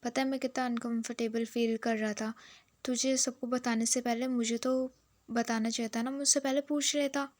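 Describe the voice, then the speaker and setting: A woman's voice: on the high side, level tone, normal speed, dry recording, close to an everyday voice. A woman voicing a shy young man who fusses and teases, in a recapped romance series.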